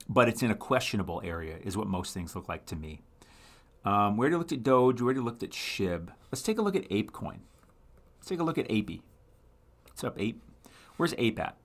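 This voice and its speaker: On a casual live stream, a man with a fairly low, slightly bright voice thinks aloud about charts. He rambles, often fixing his words mid-sentence, and reads out viewers' comments to reply to them.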